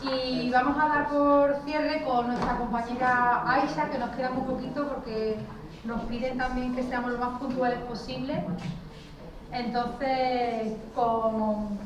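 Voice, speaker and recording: A woman moderating a public event and introducing the next speaker, brisk and often tagging her sentences with a questioning "right?". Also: high voice, background noise. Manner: brisk, with frequent tag questions. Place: large hall. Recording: echoey hall, distant mic.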